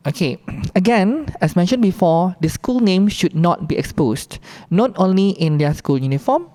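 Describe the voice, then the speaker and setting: Malaysian lady explaining rules point by point, dark mellow tone, a bit on the low side. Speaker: competition briefing presenter.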